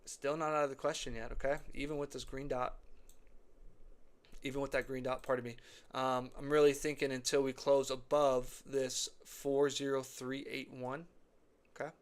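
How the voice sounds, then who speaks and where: Guy rambling over crypto charts, keeps going okay, right, kinda monotone, voice a bit cracked. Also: mid-range voice, moderate pace, clear, resonant tone. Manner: rambling, repeats phrases, says okay and right often. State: slightly cracked voice. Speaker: crypto chart analyst host. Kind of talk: casual live chart commentary.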